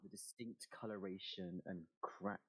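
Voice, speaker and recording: Slow, low, gravelly male game master. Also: steady tone, a bit bright. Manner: deliberate, halting delivery with dramatic pauses. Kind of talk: narrating a tabletop fantasy game.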